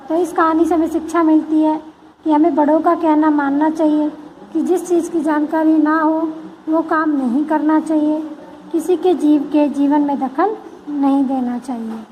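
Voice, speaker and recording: A woman's voice: sits high, steady tone, normal speed, dark tone, a little hiss or hum, low-quality recording. A woman school teacher who reads a textbook story aloud and then retells each passage in simpler words. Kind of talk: reading and explaining a textbook story.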